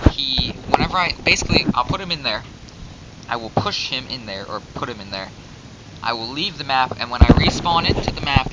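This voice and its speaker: A man talking through his game in a loose, rambling way, his voice sitting at an ordinary middle pitch. The mic sounds dull and lo-fi, with a loud, steady noise underneath. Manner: chatty, rambling, easily exasperated. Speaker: gamer narrating his Minecraft series. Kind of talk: casual gameplay commentary.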